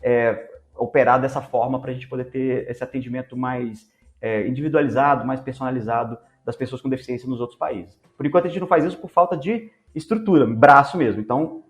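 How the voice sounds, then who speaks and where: A man with a Brazilian Portuguese accent answering interview questions as a startup co-founder, often pausing and repeating words as he searches for the phrase. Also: medium pitch.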